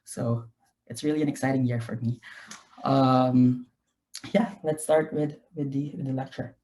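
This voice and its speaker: A man's voice: mid-range voice, steady tone, measured pace, mellow, slight background noise. Young male academic, Filipino accent, Taglish, mid-range voice, informal online talk. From Philippines. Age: young adult. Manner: mixes Tagalog and English (Taglish). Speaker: guest lecturer, graduate researcher. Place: home room, indoors. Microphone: video call.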